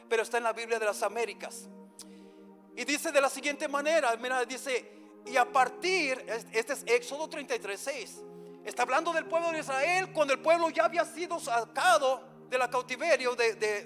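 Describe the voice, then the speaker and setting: A man's voice: extremely high pitch, fairly bright tone. A man, a pastor, preaching a Bible study in earnest, often calling out to the congregation as brothers. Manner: earnest preaching, often adds "hermanos" and "¿verdad?". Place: church. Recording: church hall reverb with faint music.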